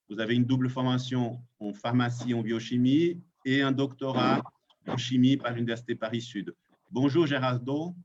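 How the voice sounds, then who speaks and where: A man moderating a webinar in a formal, measured way, introducing panelists. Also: medium pitch. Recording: dull lo-fi webinar audio, faint noise.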